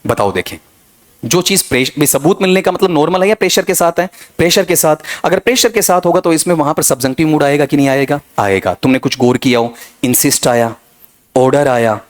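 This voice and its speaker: Man teaching grammar, quizzing students. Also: fairly high pitch. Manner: addresses students as "beta", quizzes with rapid questions and self-answers. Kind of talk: exam-prep grammar lesson.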